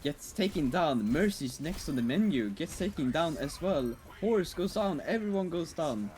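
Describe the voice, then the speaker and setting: A man calling plays in an esports match, relaxed with dry remarks. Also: on the high side, normal speed, over a noisy crowd. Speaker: esports caster. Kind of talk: play-by-play commentary.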